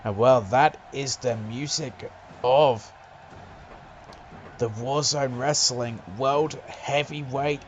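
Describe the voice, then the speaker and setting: A man doing excitable play-by-play wrestling commentary, breaking into loud exclamations. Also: mid-range voice, slow pace, muffled recording, a little hiss or hum.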